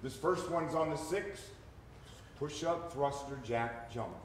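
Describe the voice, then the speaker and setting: A man's voice: fairly high pitch, slow pace. Upbeat man coaching a gym class. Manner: upbeat encouraging cues, laughs often. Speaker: fitness instructor. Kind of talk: coaching a live group class. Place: echoey gym with a group. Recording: echoey gym room, loud background noise.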